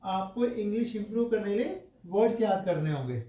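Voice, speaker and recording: High-voiced male teacher in an echoey classroom. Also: lively intonation, fairly quick, warm tone. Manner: asks the class questions and spells out English example sentences word by word. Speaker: English teacher. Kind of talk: classroom grammar lesson mixing Hindi and English.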